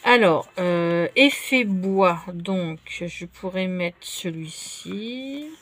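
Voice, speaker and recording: A woman chatting casually while she crafts at her table, relaxed and full of fillers. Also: lowish voice, very slow. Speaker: craft vlogger.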